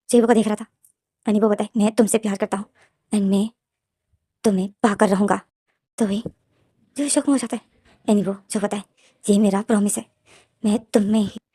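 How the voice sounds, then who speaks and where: Fast-talking Hindi-accented woman storyteller. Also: mid-range voice, warm tone, no echo, studio quality. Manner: retells the plot quickly, voicing the characters' lines herself. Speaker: fanfiction storyteller. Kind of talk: casual storytelling narration.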